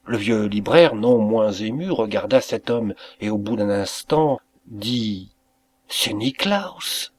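A man narrating a literary story as an audiobook reader, with a measured, expressive delivery. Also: fairly low pitch. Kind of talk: scripted narration.

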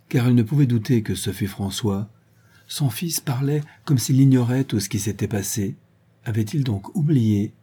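A man narrating a classic novel aloud in a measured, even reading. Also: mid-range voice, slightly rough. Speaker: audiobook narrator.

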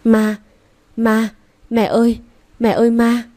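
A woman's voice: medium pitch, expressive, moderate pace, warm tone, lightly acted. A woman reading aloud voices a frightened, scheming young wife who whimpers and pleads in panic. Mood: terrified.

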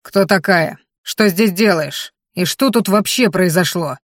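A woman's voice: fairly low pitch, unhurried, dry recording, clean studio sound. A woman reading a stern suspicious gang boss. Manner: curt, demanding, contemptuous. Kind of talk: audiobook character voice.

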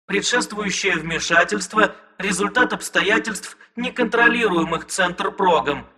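A man doing soft recorded police announcement. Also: sits high, measured pace, voice pushed up, exaggerated voice. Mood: bland. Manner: soft, bureaucratic.

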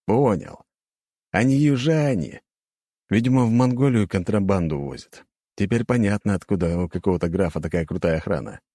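A man narrating a first-person audiobook in a lively, expressive way. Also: fairly low pitch, moderate pace, dry recording, clean studio sound.

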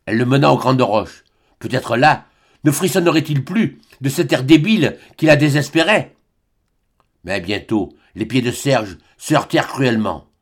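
A man with a French accent narrating a classic novel as an audiobook, in an expressive, melodic storytelling manner. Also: mid-range voice, normal speed, husky.

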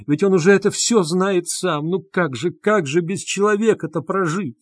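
A man's voice: high voice, moderate pace, no echo, voice pushed up. A man voicing a desperate young woman who pleads with raised, insistent voice in an audiobook. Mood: pleading. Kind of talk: audiobook character reading.

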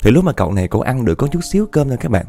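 A man telling a ghost story, animated, repeating words for effect and speaking straight to his listeners. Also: medium pitch, rapid-fire, gravelly, faint music behind. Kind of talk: spoken ghost story narration.

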